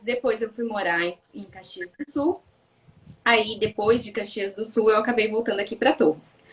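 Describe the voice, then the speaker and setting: A soft-spoken woman in her thirties, from Paraná in Brazil, chatting casually as a guest in an interview and often tagging her sentences with questions. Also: a little high, distant mic, low-quality recording. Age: 30s.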